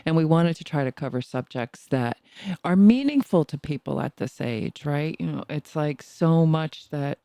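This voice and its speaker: A woman's voice: deep voice, lively intonation, moderate pace, warm tone, no room sound. A woman in her sixties co-hosting a podcast, chatting casually and teasing playfully. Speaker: podcast co-host. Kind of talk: casual chat.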